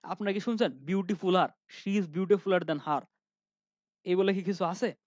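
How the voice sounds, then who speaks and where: A man's voice: high voice, a little slow, darkish tone, no echo, highs cut off. A man teaching an online grammar lesson, often asking questions and answering them himself, with many fillers.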